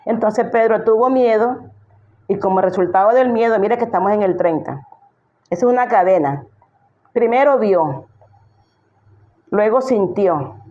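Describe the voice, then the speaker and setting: A woman's voice: mid-range voice, moderate pace, pauses often, narrow, tinny audio. A woman pastor giving an emphatic sermon, full of rhetorical questions she answers herself.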